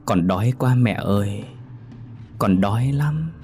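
A man voicing the ghost of a wronged young woman, who pleads in a slow, cold, hollow way. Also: fairly low pitch, animated, darkish tone, faint music behind. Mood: plaintive.

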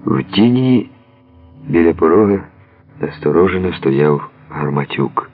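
A man narrating a novel in a measured, expressive literary reading, heard on a tinny lo-fi radio recording. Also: sits low.

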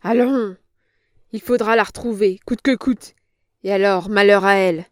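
A harsh, scheming villain who snaps orders in a loud, commanding voice, voiced by a woman reading the novel. The storybook recording is dry and close. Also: medium pitch, steady tone, normal speed, no echo, natural voice. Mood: furious, brutal. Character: brutal scheming male villain, middle-aged.

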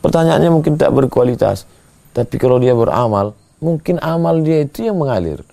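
A man preaching a sermon, moving between slow drawn-out chanting of verses and quick, emphatic scolding. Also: medium pitch, expressive, mellow. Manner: gravelly voice. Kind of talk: sermon with Quran recitation.

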